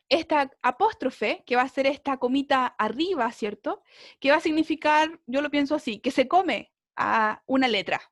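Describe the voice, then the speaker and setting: Recorded with studio quality and no echo, a high-voiced woman teaches English over a video call. She explains the lesson patiently, repeatedly confirming understanding through tag questions.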